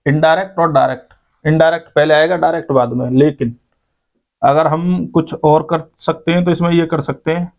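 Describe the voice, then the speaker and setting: A man's voice: on the high side, steady tone, moderate pace, darkish tone. A man teaching an English grammar lesson to school students, explaining step by step and often checking in with "okay, brother". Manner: explains step by step, keeps adding "ठीक है भाई".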